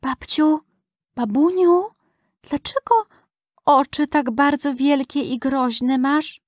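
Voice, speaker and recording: A woman's voice: high-pitched, slow pace, dry recording, clean studio sound, pitched above the performer's own voice. A woman voicing a cheerful little girl in a rhyming storybook, with a chirpy, sing-song delivery. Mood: timid.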